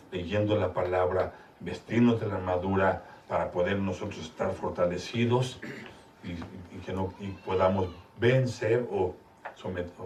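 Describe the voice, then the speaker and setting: A man's voice: deep voice, a little mellow, slight background noise. A male pastor delivers an emphatic sermon from a live church service. He keeps calling out questions to the congregation. The microphone sits some distance away in a roomy, echoing space with faint ambience behind him.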